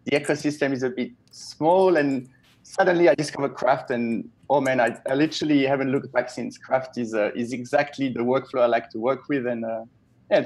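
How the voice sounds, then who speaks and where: A man in his thirties from Switzerland, a web developer, talking in a relaxed, chatty and enthusiastic way as a guest on a video call from a small home office, speaking into an earphone headset. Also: medium pitch. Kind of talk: casual video-call interview.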